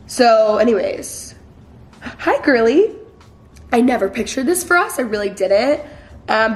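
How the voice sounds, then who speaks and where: A woman's voice: on the high side, reverberant. A young woman chatting casually to the camera for her vlog, full of fillers and self-mocking asides, recorded in her home garage. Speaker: vlogger.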